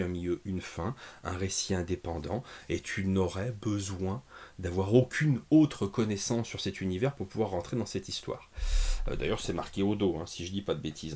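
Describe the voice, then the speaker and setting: A man's voice: sits low, darkish tone, husky. A man hosting a casual comics review video, joking about himself with frequent fillers and asides. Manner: jokey, self-mocking, lots of fillers and asides. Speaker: comics reviewer, channel host. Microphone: camera mic in small home studio.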